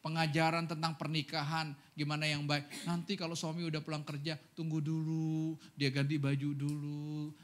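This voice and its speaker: A man pastor giving a Sunday sermon, telling stories with animated energy and often turning to address the congregation. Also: a little high.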